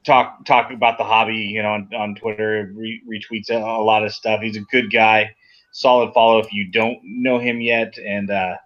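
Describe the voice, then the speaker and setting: Low, bright-voiced laid-back man. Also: dull audio. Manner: laid-back, chatty, laughs easily. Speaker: podcast co-host. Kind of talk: casual chat.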